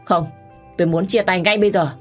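A woman's voice: lowish voice, fairly quick, darkish tone, slightly rough, faint music behind. A woman voicing a grief-stricken young pregnant woman who pleads through tears, in a storybook reading. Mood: bitter, cold. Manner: sobbing, pleading.

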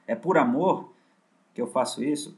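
A man's voice: mid-range voice, normal speed, darkish tone, lightly acted. A man speaking as a lovesick, self-pitying young man in a retold story, close to his own voice. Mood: despairing.

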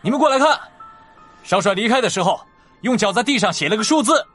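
A man voicing a sharp-eyed male intelligence officer in an audiobook, reasoning through clues step by step. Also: fairly low pitch, very animated, normal speed, slightly rough, faint music behind. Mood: urgent. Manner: analytical, explaining clues step by step. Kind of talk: audiobook character voice.

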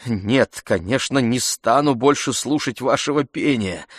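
A man reading the part of a proud, quick-tempered young woman in a storybook, speaking raised and emphatic. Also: medium pitch, husky, dry recording, clean studio sound. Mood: heated.

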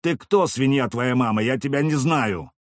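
A man's voice: medium pitch, moderate pace, dry recording, studio quality, lightly acted. A man voicing a drunk, crude male town guard sergeant who barks his coarse threats. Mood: suspicious. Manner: barking, coarse, suspicious.

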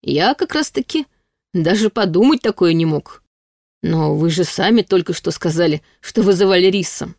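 A smug, lewd male demon from a storybook who drawls his mockery in a mock-sweet tone, as a woman reads him in her own lowish voice. The sound is close and dry. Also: lively intonation, moderate pace, a little mellow, no echo. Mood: amused.

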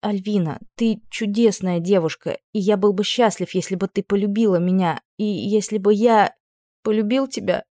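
A woman voicing a gentle, anxious young prince who speaks softly and quietly. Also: mid-range voice, normal speed, dry recording, studio quality, lightly acted.

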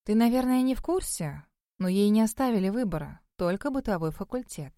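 A woman voicing a calm female librarian teacher who speaks in a measured way. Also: medium pitch, no echo, clean studio sound, lightly acted. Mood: calm, firm.

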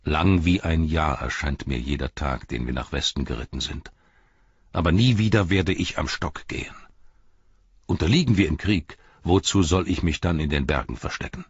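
A proud old warrior king speaks slowly and gravely in a very deep, husky voice, as a male narrator puts him on. It sounds dry and close, with slightly dull sound. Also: dry recording.

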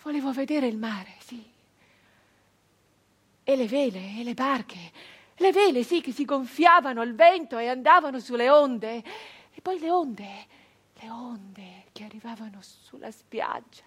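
An actress performs a theatrical radio monologue as a wistful peasant woman recalling her girlhood, her voice a little high and a bit bright with lively intonation. The heavily acted, dreamy, yearning delivery is breathy and full of halting repetitions, slipping into whispers and swelling into fervent cries as she tells her story in the first person.

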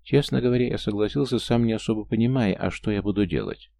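A man's voice: on the low side, fast, creaky, warm tone. A man narrating a first-person story in a dry, wry manner. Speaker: audiobook narrator.

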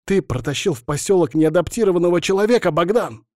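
A man voicing a jittery, panicky young male friend who talks in a hoarse, hissing whisper. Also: high-pitched, animated, quick pace, darkish tone, dry recording, clean studio sound, voice pushed up. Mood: panicked.

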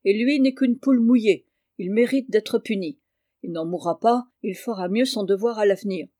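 A woman voicing a stern peasant father who orders his sons about gruffly. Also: medium pitch, moderate pace, dark tone, no room sound, clean studio sound, close to an everyday voice.

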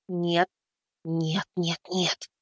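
A male narrator voicing a young man, a summoner who taunts his enemies in a high, mocking tone. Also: animated, measured pace, bright, forceful tone, dry recording, studio quality, full character voice. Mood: desperate. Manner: shrill, mocking, taunting cackle. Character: young male summoner turned gleeful, menacing avenger. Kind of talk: audiobook character voice.

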